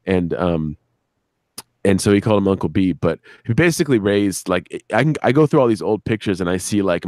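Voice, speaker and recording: A low-voiced man, recorded with no room sound, speaks casually and profanely on a live stream as an interview guest. He is an audio drama creator and director who tells rambling anecdotes and acts out what people said.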